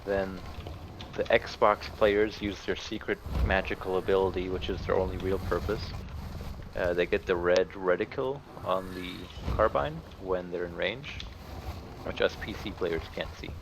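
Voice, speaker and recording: A man's voice: sits low, a little slow, noisy background. A man explaining game tactics over voice chat, his audio cutting in and out now and then.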